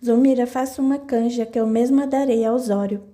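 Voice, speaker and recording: A woman's voice: a little high, fairly even intonation, fairly quick, mellow, close to an everyday voice. Woman reading a firm farm mistress. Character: firm caring farm owner's wife.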